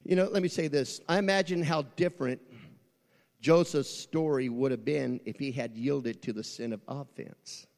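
A middle-aged male pastor preaching a folksy sermon, swinging from quiet asides to shouting, recorded in a church. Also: medium pitch, moderate pace, vocal fry. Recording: long church reverb.

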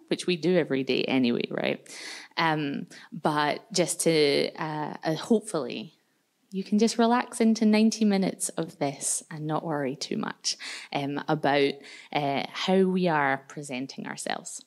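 Chatty Scottish woman with a low voice. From Scotland. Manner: chatty, self-deprecating, lots of fillers. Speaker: workshop presenter. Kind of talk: casual workshop introduction. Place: large community hall, indoors. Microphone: handheld microphone.

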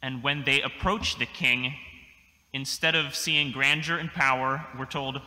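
A young adult man, a priest, gives a measured, thoughtful sermon from a church pulpit, with dry little asides. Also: mid-range voice, steady tone, pushed and bright. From United States. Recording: long church reverb.

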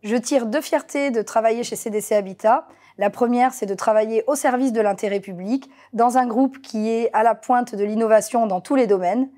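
A woman's voice: on the high side, moderate pace, warm tone. A woman, an agency director speaking in a composed, articulate way in a corporate interview.

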